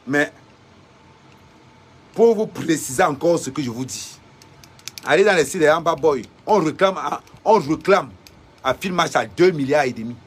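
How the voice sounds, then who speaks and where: A woman's voice: deep voice, animated, normal speed, pauses often, husky. A woman from Cameroon, delivering a defiant, fiery political rant to viewers, repeating rhetorical questions.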